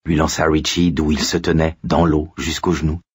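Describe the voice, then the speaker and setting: Low husky guy reading an audiobook, dry close sound. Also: moderate pace, dry recording. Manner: steady storytelling. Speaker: audiobook narrator. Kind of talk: scripted narration.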